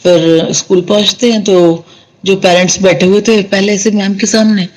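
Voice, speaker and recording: A woman's voice: mid-range voice, steady tone, moderate pace, low-quality recording. A woman telling a devotee's experience in a casual, conversational way, speaking straight to her listeners. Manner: conversational, addresses the listeners as sangat ji. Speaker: satsang storyteller sharing a devotee's experience.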